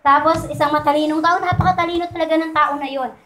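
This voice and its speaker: A woman's voice: high-pitched, fairly even intonation, fast talker, fairly bright tone, echoey room, slight background noise, low-quality recording. A woman giving a sermon in mixed Tagalog and English, in a chatty manner that keeps asking her listeners to agree. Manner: conversational, asks "di ba po?" often. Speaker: church speaker. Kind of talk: Taglish sermon. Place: church.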